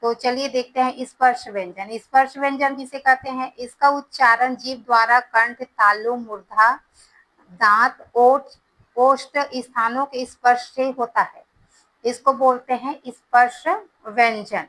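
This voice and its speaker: Slow, bright-voiced woman teaching grammar. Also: a little high, fairly even intonation, poor audio. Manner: slow, explaining step by step. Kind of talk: Hindi grammar lesson.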